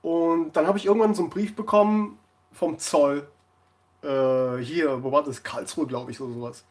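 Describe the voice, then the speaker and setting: A man's voice: fairly high pitch, steady tone, normal speed, a little mellow. A man chatting casually on a live stream, rambling through anecdotes and laughing often.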